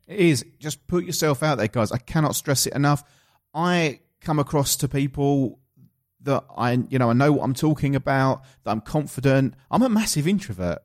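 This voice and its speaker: A man's voice: medium pitch, lively intonation, moderate pace. A man with an Essex accent hosting a podcast conversationally, speaking straight to listeners in an emphatic, encouraging way. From England. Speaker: podcast host and coach. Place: office studio.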